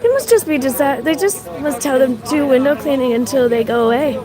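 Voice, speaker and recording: Walking outdoors on a city street, a livestreaming woman from Canada with a mixed Canadian-Irish accent chats casually, shivers from the cold, and thanks viewers amid rambling talk full of fillers. Her voice is high and fairly quick, and the crowd can be heard around her.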